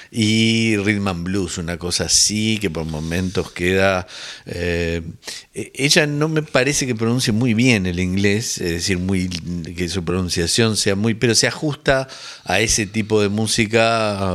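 A man's voice: low-pitched, fairly bright tone. A man hosting a radio music show, chatting casually and thinking aloud with many fillers. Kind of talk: casual radio chat presenting songs.

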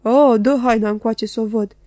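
A woman's voice: medium pitch, flat delivery, dark tone, no echo, clean studio sound, close to an everyday voice. A woman voicing a ragged old male junk dealer who groans and wails in a rising and falling singsong. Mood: shouting.

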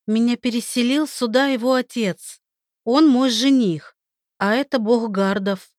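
A woman's voice: fairly high pitch, measured pace, a little mellow, no echo, clean studio sound, voice pushed up, natural voice. A woman voicing a young heroine who speaks urgently and pleads for her beloved. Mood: defiant.

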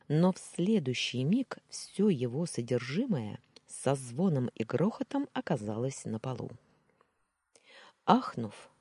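A woman giving a measured, expressive first-person reading of a novel as an audiobook narrator. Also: extremely low pitch, slightly rough, dry recording.

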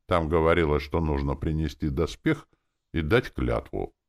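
Calm young squire, as a deep-voiced man reads him. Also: normal speed, creaky. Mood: calm, blunt. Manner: flat, unruffled delivery. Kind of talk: audiobook character voice.

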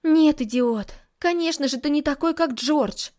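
A woman reading a passionate young heroine, blunt and impatient, with a high voice pushed upward in emphasis. She speaks straight out and presses every point. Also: lively intonation, slow pace, darkish tone. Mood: exasperated. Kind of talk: audiobook dialogue reading.

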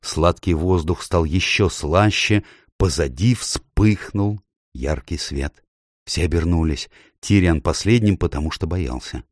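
A man reading a storybook aloud as narrator, in an even, measured way. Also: low-pitched, no room sound, clean studio sound. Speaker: audiobook narrator.

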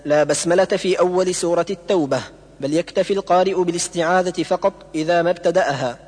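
A man reads through the rules of recitation, listing each point in a steady, measured way. His voice is pitched quite high. The recording carries a long reverb tail. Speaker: Quran recitation teacher. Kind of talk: read-aloud lesson on recitation rules.

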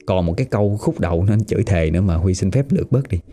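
Give me a Southern Vietnamese male storyteller with a low, animated voice. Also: racing. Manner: lively, conversational. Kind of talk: spoken storytelling.

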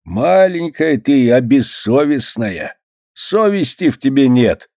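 Man doing a gruff old fisherman. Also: medium pitch, sing-song, unhurried, dark tone, no echo, studio quality, voice pushed up. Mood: stern. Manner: gruff, reproachful, folksy speech. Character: stern old fisherman, plain-spoken and fair.

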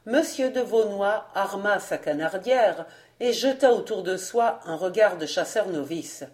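A woman reads a classic novel aloud as an audiobook narrator. Her delivery is measured and deliberate, taken at a slow, unhurried pace. Her voice sits at an ordinary middle pitch. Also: darkish tone.

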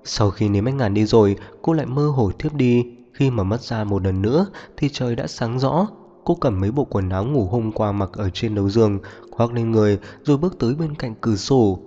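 A man reading a novel aloud as narrator at a steady pace. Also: mid-range voice, brisk. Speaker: audiobook narrator. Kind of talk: scripted narration. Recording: muffled reverberant audio, faint music.

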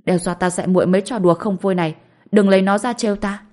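A woman's voice: mid-range voice, steady tone, fast talker, darkish tone, lightly acted. A woman voicing a flustered young husband in an audiobook, asking puzzled, pressing questions. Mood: exasperated. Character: young man, easygoing but flustered husband. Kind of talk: audiobook character voice.

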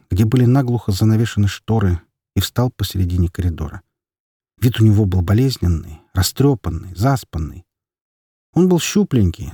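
A man narrating a story in an expressive, scripted reading. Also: fairly low pitch, slightly rough, no echo, studio quality. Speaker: audiobook narrator.

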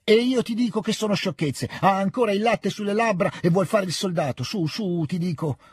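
A man's voice: medium pitch, unhurried, a little mellow, husky. A man voicing an emotional elderly nobleman who blusters and scolds in a raised voice. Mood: scolding. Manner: blustering, scolding, then good-natured. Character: emotional older nobleman, gruff, fatherly.

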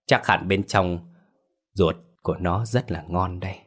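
A man's voice: low-pitched, a little slow, slightly rough. A man voicing the vicious Ma Lai ghost. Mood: menacing. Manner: pleading then menacing and mocking. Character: cunning vicious female ghost, head detaches.

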